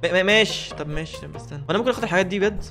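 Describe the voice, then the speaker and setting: Man, Egyptian Arabic accent, let's play commentary, very fast talker, slightly high voice, excitable, jokey. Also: soft background music. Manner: excitable, jokey, talks to the game characters. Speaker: gaming video host.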